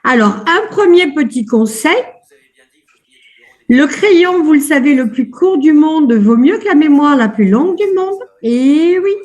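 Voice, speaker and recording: A woman with a high voice running a live online coaching session over a video call. She sounds upbeat and chatty, keeps repeating little words of praise, and fills her pauses with casual hesitations. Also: expressive, darkish tone. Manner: chatty with many fillers. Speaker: life coach.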